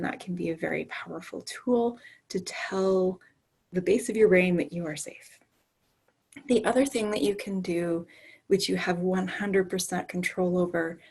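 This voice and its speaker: A woman meditation teacher speaks very slowly in a soft, breathy voice. Her pitch sits a little low, and her delivery is gentle and soothing, as if easing listeners into rest. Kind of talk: guided meditation and calm explanation.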